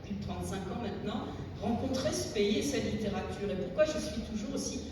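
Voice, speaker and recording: A French woman, middle-aged, speaks at a tribute in a measured, reflective way, often pausing to find the right word. Her voice sits at an ordinary pitch and carries a heavy echo from a large hall. The mic is far off, and steady noise runs underneath. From France. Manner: reflective, searching for words. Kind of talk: public talk with readings. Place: large echoey hall at a public event. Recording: echoey hall, distant mic, noisy.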